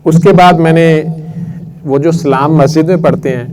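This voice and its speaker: A man earnestly recounting a personal spiritual story at a prayer session, unhurried and reflective. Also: fairly high pitch, fairly even intonation, darkish tone, rough recording. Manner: unhurried and earnest, recites verses slowly.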